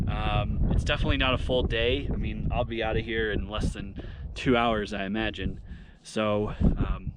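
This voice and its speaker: A man giving a casual, conversational trail-guide narration to camera outdoors on a windy mountain ridge. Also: medium pitch. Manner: laid-back, conversational. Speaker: hiking guide vlogger. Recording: loud wind buffeting the microphone outdoors.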